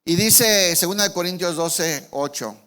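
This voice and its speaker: A man's voice: high voice, measured pace, sharp tone, smooth. A male pastor preaching a sermon in church, with emphatic, repetitive phrasing and rhetorical questions to the congregation.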